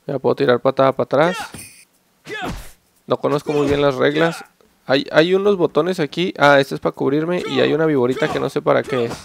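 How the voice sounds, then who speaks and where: A young man commentating a fighting game, excitable and joking, cursing at his rivals. His voice sits a bit high with a gravelly, creaky edge. The recording is noisy, with clicks in the background. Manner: excitable, joking, swears at opponents. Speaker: gameplay channel host. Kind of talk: gameplay commentary.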